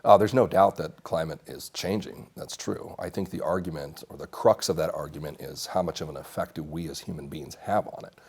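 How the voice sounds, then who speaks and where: A very deep, husky, darkish voice belongs to a man in his thirties from Mexico who is running for Congress. Interviewed in a small TV studio, he speaks briskly with hardly any pauses, answering earnestly and assertively while often restarting sentences.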